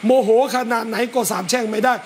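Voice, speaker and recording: A man, a religious teacher, gives a lively lecture at a home gathering, talking straight to his listeners. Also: sits high, fairly quick, slight background noise. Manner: lively, talks straight to listeners and acts out scolding parents.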